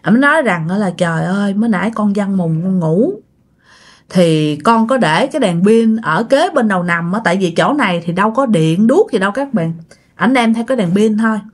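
A woman's voice: medium pitch, expressive, a little fast. A woman telling a ghost story in a chatty way, speaking directly to her listeners. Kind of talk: casual ghost story narration.

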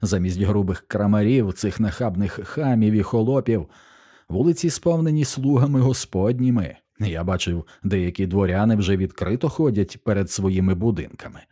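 A drunken young aristocrat who gushes with pompous delight, as a male audiobook reader puts him on. He talks effusively and a little unsteadily. The voice sits higher than a plain speaking voice. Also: moderate pace, warm tone, slightly rough. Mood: gushing. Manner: gushing, effusive, tipsy.

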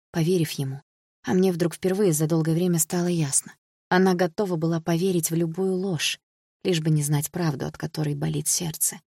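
A woman reading a first-person audiobook narration in an even, subdued manner. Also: lowish voice, breathy edge, no echo, clean studio sound. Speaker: audiobook reader.

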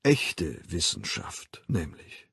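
A composed male ruler speaks in measured, ironic lecturing phrases, played by an audiobook reader. The voice is gravelly and a bit husky, with lively melody and a dry, close sound. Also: lowish voice, dry recording, exaggerated voice. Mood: calm superior. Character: calm worldly male ruler, dry and superior.

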